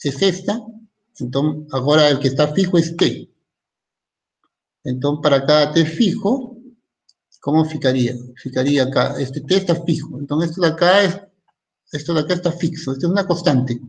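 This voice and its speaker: Lecturing man, high voice, asks "¿no?" a lot. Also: normal speed. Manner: thinks aloud, stops himself often to ask "¿no?". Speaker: math lecturer. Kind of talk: recorded university math lecture.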